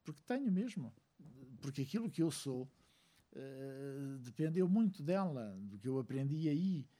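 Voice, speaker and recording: A man from Angola giving a reflective speech to a seated audience, measured and full of hesitant pauses. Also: mid-range voice, very animated, warm tone. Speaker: speaker at a book launch.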